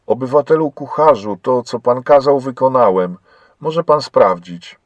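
A man's voice: medium pitch, lively intonation, measured pace, no room sound, dull audio, lightly acted. A man voicing a starving, meek male prisoner who speaks timidly and humbly, in a read-aloud story. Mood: timid, apologetic.

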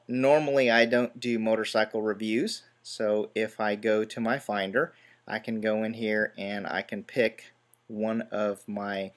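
A man explaining software steps one by one in a relaxed screen-recorded tutorial, with small self-deprecating asides. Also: fairly low pitch. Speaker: tutorial host.

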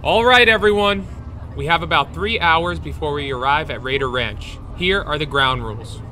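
A man's voice: fairly high pitch, normal speed, bright, forceful tone, soft background music. An actor playing a strict, impatient male teacher who herds students onto a school bus, stern and dryly exasperated in an amateur audio drama. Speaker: teacher chaperone.

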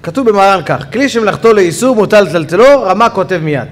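A man teaching a Torah lesson on Sabbath law in a study hall, with an Israeli accent, telling stories with a voice that rises sharply when he gets excited. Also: sits high. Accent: Israeli Hebrew. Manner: animated storytelling, voice rising sharply when excited. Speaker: rabbi teaching a Torah class.

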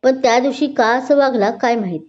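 A woman voicing Akanksha, a gentle and sincere young college woman in a spoken story. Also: a little high, brisk, natural voice. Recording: dull lo-fi recording.

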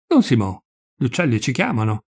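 A man voicing a fervent, pious male vagabond who swings between gentle pleading and furious outbursts. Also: medium pitch, huge pitch swings, fairly quick, husky. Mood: urging.

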